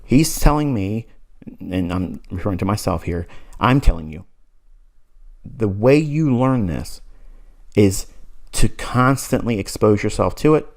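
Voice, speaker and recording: A man's voice: lowish voice, animated, a little slow, long pauses, a little mellow. A man in his forties giving a recorded trading mentorship lesson, blunt and insistent, repeating points and laughing briefly. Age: 40s. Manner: blunt, insistent, lecturing with repetition and short laughs.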